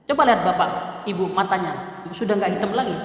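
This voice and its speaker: A man teaching a joking sermon to his congregation, chanting Arabic verses slowly between casual explanation. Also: high-pitched, expressive. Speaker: Quran teacher. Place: mosque hall. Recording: echoey hall, mic far off.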